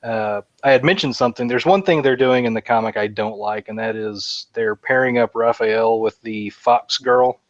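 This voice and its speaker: A man co-hosts a podcast, chatting casually in a mid-range voice at normal speed with few pauses. He rambles enthusiastically like a fan, with lots of fillers. The recording is muffled but has no echo.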